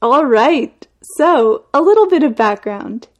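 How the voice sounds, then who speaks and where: A woman co-host opens the podcast in an upbeat, clearly read style. Her voice sits a bit high. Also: expressive, measured pace, noisy background. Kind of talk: scripted podcast intro.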